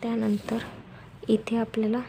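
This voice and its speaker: Soft-spoken woman, quiet late-night tutorial, mellow. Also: on the high side, completely flat delivery, moderate pace, vocal fry, a little hiss or hum, poor audio. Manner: speaking softly, quiet at night while others sleep; instructional, repeats steps and measurements. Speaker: sewing tutorial host. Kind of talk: step-by-step tailoring tutorial.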